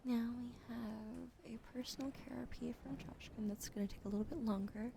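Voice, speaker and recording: Her whisper soft and slow, a woman welcomes her ASMR stream viewers and thanks them in a calming way. The fairly high voice has a touch of vocal fry, set against a constant, clearly audible hiss.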